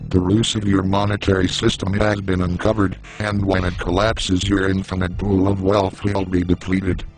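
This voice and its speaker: A man speaks through a disguised, pitch-lowered voice that sits very low and barely moves in pitch. He reads a formal scripted statement in a solemn, warning tone, with soft music playing underneath. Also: poor audio. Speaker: anonymous spokesman. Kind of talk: scripted statement read aloud.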